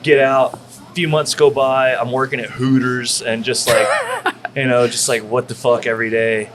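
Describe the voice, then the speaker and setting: Crowd noise surrounds a Texan ex-pro wrestler as he spins casual, rambling stories at a barbecue restaurant where he's a guest, swearing often and leaning on fillers. He talks at a normal speed in a flat, medium-pitched voice on a rough recording.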